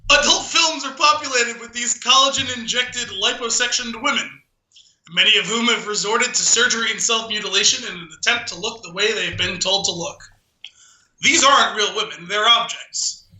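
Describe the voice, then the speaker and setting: Laughing often as he reads, an amused podcast co-host alternates casual talk with a dramatic poem. His high voice, pushed and bright, comes at normal speed through a rough recording in an echoey room.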